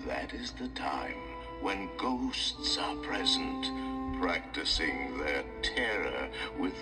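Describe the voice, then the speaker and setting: A man playing a ghoulish, mock-polite ghost who guides visitors through a haunted mansion, speaking slowly and sometimes whispering. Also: a bass voice, full character voice. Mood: ominous. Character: sinister, genial male ghost host of a haunted mansion. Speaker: narrator and guide. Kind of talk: theme-park ride narration. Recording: distant voice under loud spooky music.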